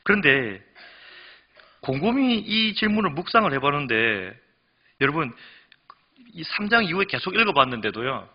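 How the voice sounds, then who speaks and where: Man, pastor, sermon, lively pitch, husky voice, dull lo-fi church recording. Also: moderate pace, pauses often. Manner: animated preaching that swings from hushed to emphatic. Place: church sanctuary.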